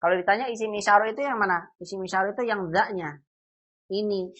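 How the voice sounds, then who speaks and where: A man's voice: sits high, fairly bright tone. A man teaching an online Arabic grammar class, patiently repeating example phrases and quizzing his students. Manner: patient, repeats example phrases slowly and asks quiz questions. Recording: dull lo-fi online call audio.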